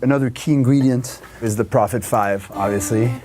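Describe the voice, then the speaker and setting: Here a man in his thirties shows off his wood-panelled studio in easygoing chat, wandering from topic to topic while his hands move as he talks. He's a musician, and his medium-pitched voice moves briskly.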